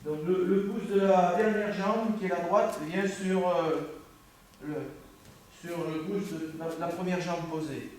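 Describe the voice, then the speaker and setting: In an indoor judo dojo, a man with a French accent works with a student on the mat, giving corrections, repeating himself, and cutting off mid-phrase. His high-pitched voice is fairly even and a little slow, recorded from far off by a camera across a very echoey room, with a little hiss or hum.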